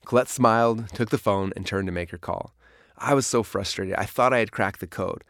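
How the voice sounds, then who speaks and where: A man's voice: lowish voice, normal speed, fairly bright tone, no room sound. Man, memoir audiobook narration, storytelling, dry close recording. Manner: storytelling, dramatic in places.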